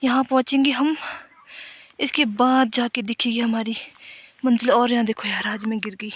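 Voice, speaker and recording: A woman's voice: on the high side, steady tone, normal speed, slightly rough, dry recording. A young woman vlogging casually in a rambling, chatty way while she walks a hill path outdoors. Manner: chatty and rambling, talks while walking uphill. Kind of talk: casual walking vlog.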